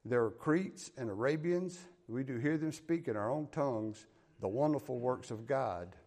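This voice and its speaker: This sermon comes from a man of the American South with a Southern US accent, who reads scripture and explains it plainly and folksily. He speaks at a normal speed in a mid-range, a little mellow voice.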